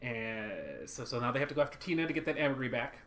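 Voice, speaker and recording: Bright-voiced man recapping an episode. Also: medium pitch, quick pace. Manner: rambling, animated, acts out quotes. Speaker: podcast co-host. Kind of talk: casual chat recapping a cartoon episode.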